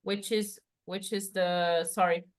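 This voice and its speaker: A woman's voice: fairly low pitch, steady tone, slow pace. A woman teaching a one-to-one lesson over a video call, explaining patiently with many fillers and restarts. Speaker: French tutor.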